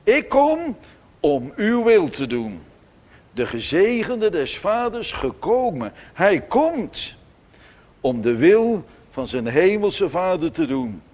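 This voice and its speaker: Slow, emphatic preacher. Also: male voice, fairly high pitch, big pitch swings. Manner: emphatic preaching, rising to loud declarations and dropping to soft asides. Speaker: pastor. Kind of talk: sermon. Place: church.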